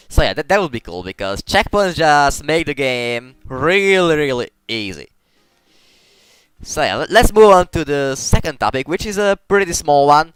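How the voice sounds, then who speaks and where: Rambling man with a smooth voice. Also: a little high, sing-song, normal speed, fairly bright tone, no echo. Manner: rambling, stumbles over words and restarts often. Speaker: gaming commentator. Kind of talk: casual gameplay commentary.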